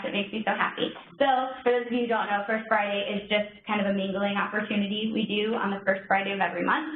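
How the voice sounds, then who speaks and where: Upbeat woman presenting in an echoey room. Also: medium pitch. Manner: upbeat, chatty, self-joking. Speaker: HR trainer presenting a program. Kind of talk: informational session presentation. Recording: echoey room, phone-like lo-fi sound, faint noise.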